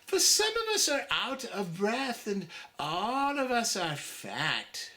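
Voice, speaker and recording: A man's voice: huge pitch swings, slow pace, pushed and bright, exaggerated voice. A man voicing small, timid young storybook oysters with plaintive, anxious pleading. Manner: plaintive, high-pitched pleading.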